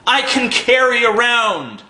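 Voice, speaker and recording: A man's voice: very high-pitched, very animated, slow pace, sharp tone, roomy sound. A man in his twenties delivering an angry, profane commentary rant full of sarcastic rhetorical questions. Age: 20s. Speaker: video blogger.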